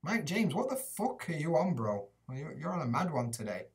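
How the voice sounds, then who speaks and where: His voice runs on the high side with big swings in pitch, a normal pace and some creak, and it's captured from a distance. He's a young Yorkshire YouTuber from near Rotherham, England, living in Japan, reading chat in a live stream Q&A. Sitting a little back from his webcam mic in a small room, he banters loosely with lots of swearing, "like" and "mate."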